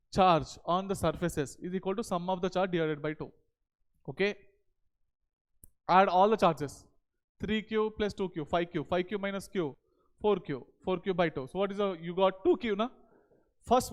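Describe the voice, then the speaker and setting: A man's voice: high voice, clear, resonant tone. A man in his thirties with an Indian accent, lecturing at a board as a teacher and often checking in with short questions and tag words. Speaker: physics teacher. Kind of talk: board lecture to exam students. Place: indoor teaching studio at a digital board. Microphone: headset.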